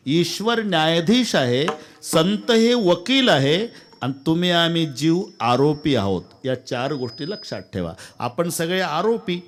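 Man, kirtan preacher, animated storytelling, slightly high voice. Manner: animated, theatrical, switching voices.

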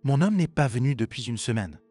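Reproachful manipulative mother, man reading, storybook, dry, soft music bed. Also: medium pitch, lively intonation, brisk, husky, no echo. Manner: reproachful, guilt-tripping. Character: bitter manipulative mother, middle-aged woman. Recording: dry with faint music behind.

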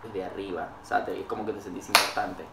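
A man's voice: deep voice, level tone, fast, creaky, echoey room, heavy background noise. Boisterous young Argentine man. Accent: Argentine Spanish. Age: young adult. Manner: boisterous, joking, swears freely. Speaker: game contestant. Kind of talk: casual chat. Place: indoor living room, seated on a couch.

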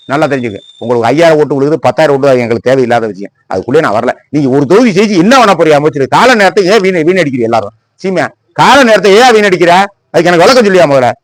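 A rapid-fire man with a Tamil Nadu Tamil accent, ranting through a political commentary in a sarcastic, scolding tone. His voice sits somewhat high for a man. The sound is close and dry, with no room echo. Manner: scolding and sarcastic, full of rhetorical questions. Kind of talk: heated political commentary monologue.

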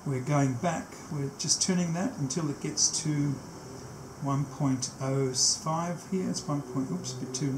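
Working hands-on in a small, cluttered workshop, a technician in his sixties shows how a tape machine is set up, with no script. His fairly high voice explains things step by step, often pausing mid-task. A camera mic picks him up in an echoey room with faint background noise.

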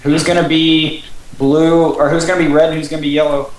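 A man gaming with friends over voice chat, giving directions and reading rules aloud haltingly. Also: a little high, level tone. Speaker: gamer. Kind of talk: casual voice-chat banter. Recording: roomy echo, faint noise.

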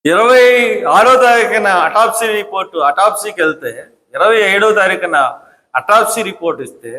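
Combative male political speaker, high forceful voice, long reverb. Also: moderate pace. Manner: combative, scolding, repetitive rhetorical questions. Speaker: political commentator. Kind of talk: angry political speech. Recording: echoey hall.

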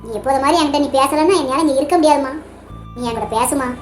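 A woman's voice: very high voice, rapid-fire, faint music behind. A woman voicing an affectionate, teasing old grandmother in a cartoon, with a Tamil Nadu accent. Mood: tearful. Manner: teasing, then tearfully apologetic. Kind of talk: cartoon voice acting.

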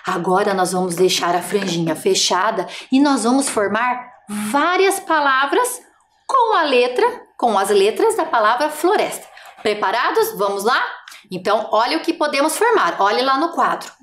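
A woman with a Brazilian Portuguese accent teaching a televised first-grade lesson. Her fairly high voice rises and falls in a lively sing-song as she patiently guides small children, speaking slowly. The room sounds echoey. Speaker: primary school teacher.

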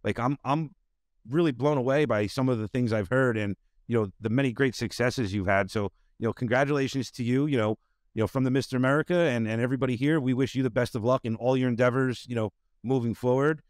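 A man's voice: mid-range voice, fast, no room sound. Middle-aged male podcast host, rambling filler-heavy delivery, desk mic, dry. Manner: rambling, full of "you know" fillers. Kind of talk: casual interview chat. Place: home studio with bookshelves. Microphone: desk mic on video call.

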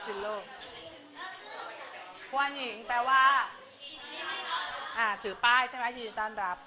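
A woman teaching a language class, running a quick vocabulary drill and prompting her students with short questions. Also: a little high, crowd noise. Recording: dull lo-fi classroom recording with students chattering.

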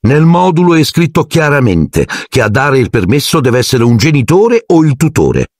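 A man's voice: mid-range voice, big pitch swings, normal speed, no room sound, clean studio sound, pitched above the performer's own voice. A man voicing a strict, formal older woman teacher in an audiobook, clipped and authoritative. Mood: stern. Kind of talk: audiobook character voice.

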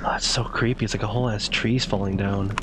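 A man's voice: on the low side, fairly even intonation, quick pace. A man in his thirties giving casual, nervous live commentary as a horror game streamer, swearing freely. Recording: clear game ambience noise behind voice.

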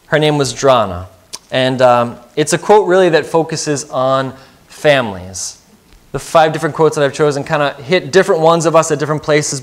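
A man in his thirties, pitched on the high side, preaches as pastor in a church sanctuary. He speaks earnestly and poses questions to the congregation.

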